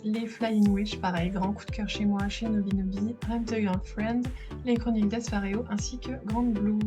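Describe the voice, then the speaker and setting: A woman giving a casual, enthusiastic home vlog tour of her bookshelves in her living room, filming with a handheld camera and pausing with fillers as she talks. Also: mid-range voice. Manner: chatty, enthusiastic, filmed while handheld, with filler pauses. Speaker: manga collector vlogger. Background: background music.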